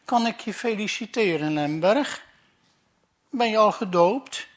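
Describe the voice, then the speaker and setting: Brief: matter-of-fact boss, done by a man telling jokes, slow and plain. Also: high-pitched, expressive, voice pushed up. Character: businesslike company director, middle-aged man.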